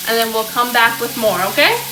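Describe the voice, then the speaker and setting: A woman co-hosts a relaxed chat over dinner, speaking with animated, emphatic speculation in a slightly high voice. She sits a little back from the microphone in an echoey room. Steady background noise and the sizzle of cooking run underneath her. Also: fairly quick, distant mic. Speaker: co-host. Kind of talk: casual chat over a meal. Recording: echoey room, noisy, off-mic.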